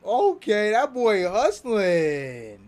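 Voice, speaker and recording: A male streamer giving excitable reaction commentary, repeating himself emphatically, his voice going hoarse from shouting. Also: high-pitched, drawn-out words.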